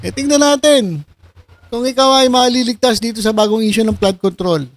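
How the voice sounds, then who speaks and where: A man's voice: very high voice, moderate pace, dry recording. A man giving casual reaction commentary, mocking and sarcastic, often breaking into laughter. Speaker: video commentator.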